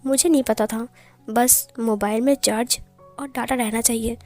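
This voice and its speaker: A woman's voice: a little high, fairly even intonation, normal speed, darkish tone, faint music behind, close to an everyday voice. A woman voicing a playful, lovestruck young male omega who teases cheekily. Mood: teasing. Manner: teasing, cheeky.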